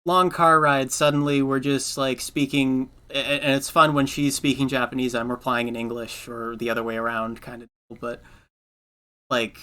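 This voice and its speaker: A man's voice: mid-range voice, pushed and bright, clean tone. A man hosting a podcast, chatting casually in a rambling way, repeating words and laughing often. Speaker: podcast host. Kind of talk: casual chat.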